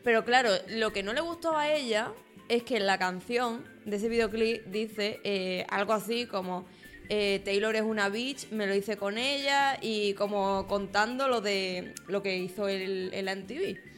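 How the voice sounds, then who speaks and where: A woman's voice: medium pitch, a little slow, faint music behind. A woman, co-hosting a podcast and telling a story in casual chat. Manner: chatty storyteller, many fillers. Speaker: podcast co-host.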